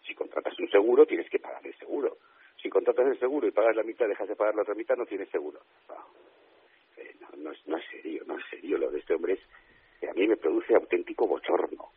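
Deep, raspy Spanish man on a phone line. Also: fast. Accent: Spain. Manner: indignant, emphatic, repeats himself. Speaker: interview guest. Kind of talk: phone-in radio interview. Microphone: telephone.

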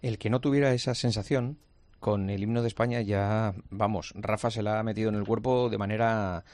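A man's voice: on the low side, fairly even intonation, a little fast, a little mellow, no echo. A man doing live radio sports commentary from an indoor arena, emphatic and emotional.

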